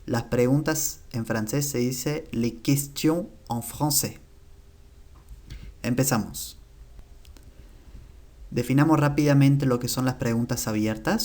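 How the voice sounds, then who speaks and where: A man teaching an online language lesson, explaining step by step and repeating each example word slowly and clearly. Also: mid-range voice, darkish tone. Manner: slow, careful repetition of example words.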